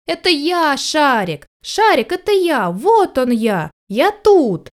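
A woman voicing a small, timid, earnest male puppy in a high, plaintive voice for a storybook reading. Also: big pitch swings, measured pace. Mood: excited.

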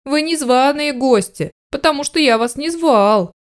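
A woman's voice: high-pitched, animated, measured pace, voice pushed up. A woman voicing a grouchy grown male dog who grumbles and lectures sternly in a storybook reading.

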